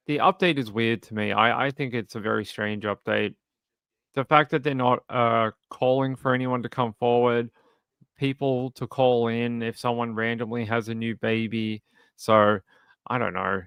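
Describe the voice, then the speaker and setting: An Australian man talks casually as a livestream host. His voice has a creaky edge yet stays clean and resonant, recorded close and dry. He comments with sarcastic, skeptical deadpan. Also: mid-range voice, no room sound. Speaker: livestream host of a true crime channel. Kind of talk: casual news commentary, reading and answering live chat.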